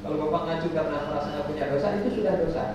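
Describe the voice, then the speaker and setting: A man teaching a pilgrim group in a lively way, quizzing and joking with them and leading their chants. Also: on the high side, racing. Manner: lively, quizzes and jokes with the audience. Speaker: umrah guidance teacher. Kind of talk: religious instruction to a pilgrim group. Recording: echoey distant dull recording with noise.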